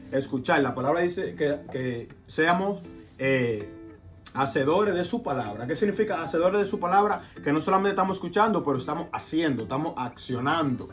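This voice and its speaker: A man sharing reflections in a casual preaching conversation, often checking in with his listeners. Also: on the high side. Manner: reflective, repeats phrases, asks "¿verdad?". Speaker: co-host of a faith talk show. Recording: phone recording with guitar music behind.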